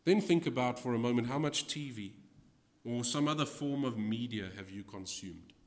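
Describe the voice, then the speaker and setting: A man preaching as a guest in a church, moving from hushed lines to loud, dramatic readings of scripture. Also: medium pitch, normal speed. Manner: swings from hushed to loud, acting out scripture quotes. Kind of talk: sermon. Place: church hall. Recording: reverberant hall.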